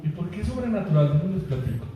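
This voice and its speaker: Man, Mexican accent, preacher, chatty jokey sermon, high voice, far-off mic. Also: big pitch swings, fast talker, muffled recording, background noise. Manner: jokey, chatty storytelling, laughs at his own jokes. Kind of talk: sermon with a personal story. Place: church hall. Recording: echoey church hall, mic from far off.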